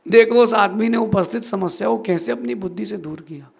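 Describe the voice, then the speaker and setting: A man's voice: high-pitched, a little fast, gravelly, slightly rough. A man, a Jain monk, giving an earnest sermon and telling a moral story, asking and answering his own questions.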